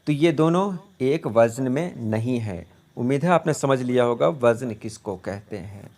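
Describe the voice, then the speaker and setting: A man from India, an Urdu teacher, patiently explaining poetic meter and slowly repeating words to drill pronunciation. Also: medium pitch, darkish tone. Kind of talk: poetry meter lesson.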